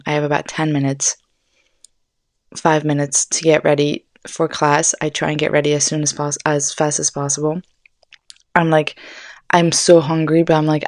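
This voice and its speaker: Low-voiced young woman, rambling and swearing. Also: no room sound, clean studio sound. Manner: rambling, animated, swears often, fillers like "like". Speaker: podcast host. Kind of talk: casual storytelling monologue.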